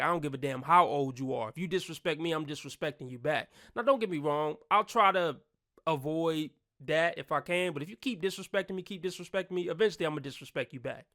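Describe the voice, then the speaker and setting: Brief: male vlog host, slightly higher voice, blunt and profane, ranting opinions. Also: fairly bright tone. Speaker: channel host and commentator.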